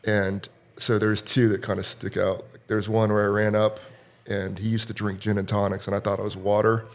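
A man's voice: lowish voice, little pitch movement, normal speed. A young man from Florida, a podcast guest, telling casual stories and swearing freely. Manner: laid-back storyteller, swears freely. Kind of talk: casual chat.

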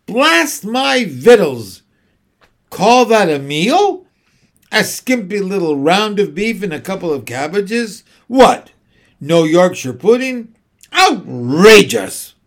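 Guy doing a spluttering old sea admiral, bellowing, loud and higher than his own voice. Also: very animated, takes it slowly, full character voice. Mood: indignant. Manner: shouting, spluttering with rage. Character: blustering old male naval admiral, furious.

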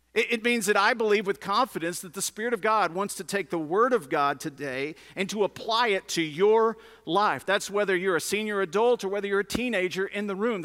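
A man with a high-pitched, fairly bright voice preaches a teaching sermon as a pastor, speaking conversationally with emphatic repetition and rhetorical questions. He addresses a congregation in a large indoor room, and the recording carries the reverberation of that big space.

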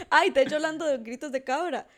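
A young Costa Rican woman co-hosting a casual podcast. Her voice is high and bright, and she talks in a playful, self-deprecating style full of local slang. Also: gravelly. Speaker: podcast co-host. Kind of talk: casual chat.

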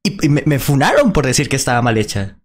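A man's voice: medium pitch, very animated, fast. A man, a small content creator giving blunt, indignant reaction commentary with plenty of swearing.

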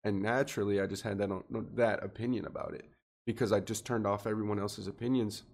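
A man's voice: on the low side, steady tone, fast talker, darkish tone. A man in his twenties, a podcast guest, talking earnestly and reflectively in casual chat. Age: 20s. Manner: earnest and reflective, thinking aloud.

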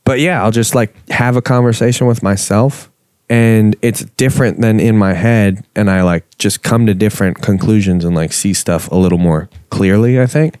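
Laid-back low-voiced young man. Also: normal speed, a little mellow, clear, resonant tone, no room sound, studio quality. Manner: laid-back, rambling, swears casually. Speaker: podcast co-host. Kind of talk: casual podcast chat.

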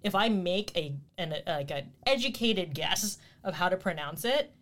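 A woman's voice: fairly low pitch, lively intonation, moderate pace, a bit bright. Woman, thirties, podcast co-host, casual chat, chatty, frequent laughter. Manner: chatty, laughs often, acts out quotes. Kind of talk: casual chat between cousins.

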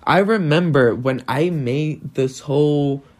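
A man's voice: a little high, takes it slowly, a little mellow. A nineteen-year-old man from Brazil hosting a solo podcast, talking anxiously and rambling, with lots of fillers and swearing, recorded on his phone. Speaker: podcast host.

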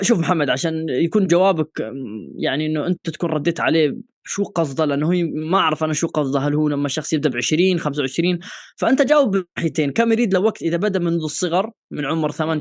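A man with a Gulf Arabic accent speaks extremely fast in a slightly high voice, in a dry, close recording. He hosts casually in question-and-answer style, sprinkling in English words. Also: dry recording. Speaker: boxing podcast co-host.

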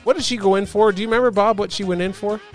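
A man's voice: high-pitched, fairly even intonation, very fast, soft background music. A man co-hosting a casual podcast chat, telling stories animatedly and laughing often. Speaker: podcast co-host.

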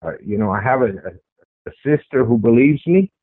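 A man with a strong, mid-range voice gives an expressive, moderately paced first-person account of a sighting he had, as a guest in an interview. He keeps it conversational, repeating phrases for emphasis. No echo is present, though the radio line sounds tinny and phone-like.

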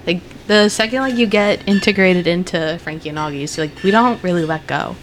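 Chatty young woman, lower voice. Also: fairly quick, slight background noise. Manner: chatty, frequent "like" and "you know". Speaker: restaurant owner's daughter, guest. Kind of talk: casual chat.

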